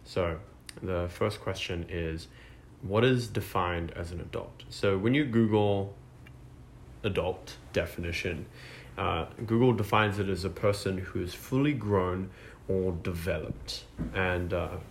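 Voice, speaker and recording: A podcast host in his twenties leads a casual chat, sounding hesitant and using many fillers and restarts. His voice sits low and is creaky, at a measured pace, with a little hiss or hum in the recording.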